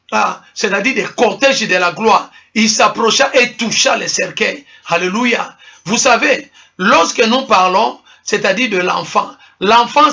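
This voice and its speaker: Man preaching a sermon, high bright voice, emphatic repeated refrains, dull lo-fi sound. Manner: emphatic preaching, switching between French and Lingala, repeating refrains. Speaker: pastor.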